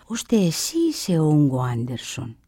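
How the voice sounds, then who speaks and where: A kind schoolteacher in a storybook reading, gently questioning and a little bewildered, as a woman reads her lines. The voice stays close to the reader's own. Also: low-pitched, wildly swooping pitch, breathy edge, pitched below the performer's own voice, exaggerated voice. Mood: puzzled.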